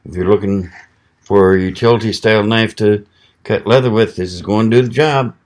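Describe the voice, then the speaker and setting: A man from the American South, reviewing a knife on camera in a relaxed, folksy way, thinking aloud while he cuts. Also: fairly low pitch, fairly quick. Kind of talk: casual product test vlog.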